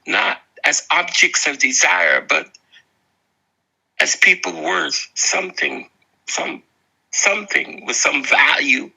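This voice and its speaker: A man with a Barbadian accent speaks slowly and deliberately, his voice rough and gravelly. His address is earnest and preaching, full of pleading appeals. The tone is bright and sharp. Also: fairly high pitch, poor audio. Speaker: video essayist. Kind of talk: impassioned moral address.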